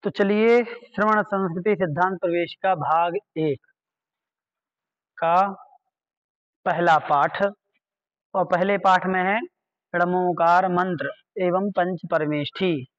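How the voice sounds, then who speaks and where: A man's voice: high-pitched, steady tone, takes it slowly, long pauses, fairly bright tone, highs cut off. A man teaching an online scripture class, patiently repeating key words and quizzing his listeners. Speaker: religious studies teacher.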